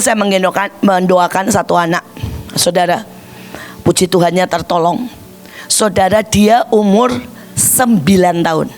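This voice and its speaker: An older woman evangelist preaching a sermon, impassioned, breaking into shouts and addressing the congregation again and again. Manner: high-pitched exclamations with wide swings.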